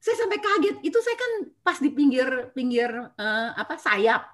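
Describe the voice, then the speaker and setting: A woman's voice: high-pitched, normal speed. A middle-aged woman giving a devotional talk and personal testimony on a video call, telling her stories expressively with frequent filler words. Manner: expressive storyteller, many filler "ya" and "nah". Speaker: church speaker giving a testimony.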